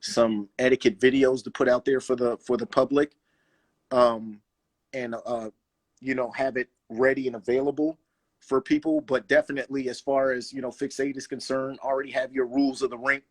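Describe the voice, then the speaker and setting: Animated man, casual talk. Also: medium pitch, moderate pace, husky. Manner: animated, loose slang, restarts often, says "you know what I'm saying". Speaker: guest roller skater. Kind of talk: casual conversation.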